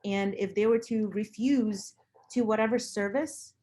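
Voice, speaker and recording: A woman talks in an informal, conversational way. Her pitch sits in the middle range, and she is earnest, often repeating a phrase for emphasis. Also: unhurried, mellow. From Lithuania. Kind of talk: casual conversation about personal views.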